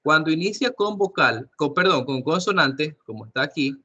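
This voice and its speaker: A man's voice: on the high side, animated, normal speed, sharp tone, slightly rough, highs cut off. A man teaching an English class online, explaining step by step, often repeating himself and checking with questions.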